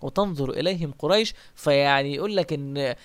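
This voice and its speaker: A man with an Egyptian accent retelling religious history in an animated way, asking questions and then answering them himself. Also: on the high side, fast talker, smooth, no room sound. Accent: Egyptian Arabic. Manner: animated, asks and answers his own questions. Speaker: religious storyteller. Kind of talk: retelling early Islamic history in colloquial speech.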